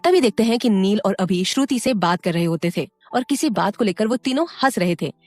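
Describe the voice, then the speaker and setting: A woman's voice: mid-range voice, expressive, a little fast, darkish tone, dry recording. A woman narrating a scripted audio story, with friendly asides to the listener.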